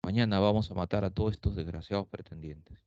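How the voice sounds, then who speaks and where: A man's voice: sits low, fairly even intonation, quick pace, mellow, no room sound. A male teacher voicing Odiseo, a disguised old king who gives commands urgently. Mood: commanding. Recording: dull lo-fi dry recording.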